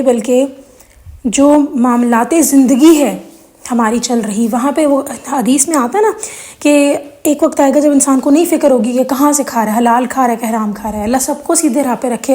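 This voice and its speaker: High-voiced earnest woman explaining prayers. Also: mellow. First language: Urdu. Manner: earnest, explaining with examples, mixes English phrases. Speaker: religious video host. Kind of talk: casual religious talk to viewers.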